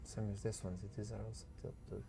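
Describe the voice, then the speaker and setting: A man's voice: lowish voice, level tone, moderate pace, vocal fry, background noise. A man thinking aloud while playing a puzzle game, sleepy and tired, yawning as he talks it through. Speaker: gaming streamer. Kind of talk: casual gameplay commentary.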